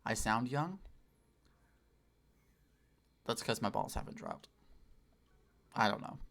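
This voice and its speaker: This late-twenties game streamer talks casually as he plays, using a put-on customer service voice pitched up on purpose. His voice is fairly low, gravelly, and fairly bright, with wildly swooping pitch, and he curses and mocks himself.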